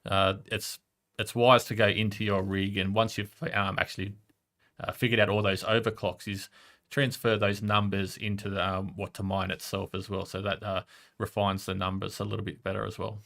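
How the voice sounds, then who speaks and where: A man's voice: on the low side, level tone, normal speed, vocal fry, a bit bright. A man co-hosting a casual chat, adding practical tips and agreeing briefly, laughing along.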